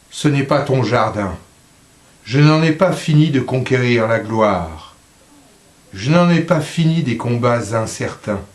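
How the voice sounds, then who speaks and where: A man reciting poetry in a slow, solemn voice, letting line endings drop softly. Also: medium pitch, echoey room. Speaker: poetry reader.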